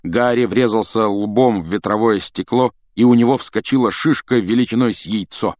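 Casting: deep-ish male audiobook narrator, dramatic storyteller, dry close studio sound. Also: moderate pace, a little mellow, no room sound. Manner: dramatic storytelling, voices characters. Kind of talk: expressive audiobook reading.

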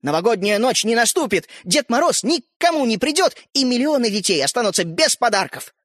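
A touchy little fairy-tale hero who lectures and sulks, as a male reader puts him on. He talks high and bouncy, full of swings in pitch. The reading is dry and close. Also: very animated, a bit bright, dry recording, heavily acted. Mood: urgent. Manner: huffy, lecturing, quick to take offence. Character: touchy boastful tiny fairy-tale man.

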